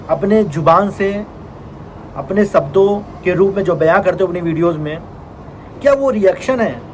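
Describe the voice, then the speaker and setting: Male vlogger, high voice, earnest rhetorical tone, faint hiss behind. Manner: earnest, indignant rhetorical questions. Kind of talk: casual vlog monologue.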